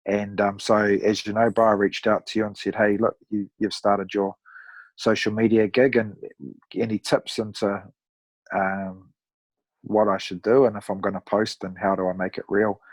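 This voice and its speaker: A man in his thirties with a broad New Zealand accent, chatting casually as a podcast guest in a laid-back, matey, rough-around-the-edges way. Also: on the low side, flat delivery, moderate pace, no echo, rough recording. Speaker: podcast guest, amateur endurance athlete. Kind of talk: casual conversational storytelling.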